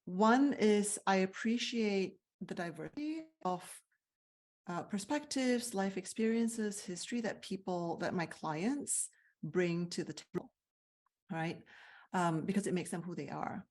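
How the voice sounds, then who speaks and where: A woman from Malaysia, a coach for CEOs, gives reflective answers in an interview, earnest and thoughtful, with fillers and restarts. Her mid-range voice is a little mellow, and she speaks at a measured pace.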